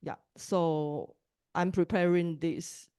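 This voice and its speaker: A woman's voice: on the low side, fairly even intonation, dark tone, clean tone. A woman from Taiwan with a Taiwanese accent, speaking English as a second language, introducing herself hesitantly on a video call. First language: Mandarin. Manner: hesitant, with pauses and restarts. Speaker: language teacher and podcaster. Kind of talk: online group introductions.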